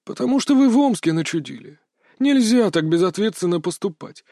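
A man's voice: sits high, animated, a little fast, dark tone, dry recording, clean studio sound, pitched above the performer's own voice. A man voicing a sly, cackling old male sorcerer who talks in a folksy, mock-tender, chatty way. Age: older.

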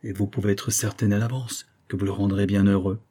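A talkative, good-hearted fellow, played by a male reader, fussing eagerly over a visitor. His voice is low and dark with a husky edge, lifted a little for the character. A storybook figure from a classic novel. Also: flat delivery, brisk. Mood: cheerful. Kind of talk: audiobook character voice.

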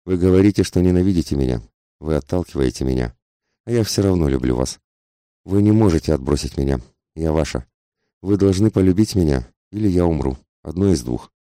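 Man voicing a desperate, passionate society woman in an audiobook, intense pleading, very deep dark voice. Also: animated, fairly quick, no echo, studio quality. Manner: intense, whispering-angry pleading.

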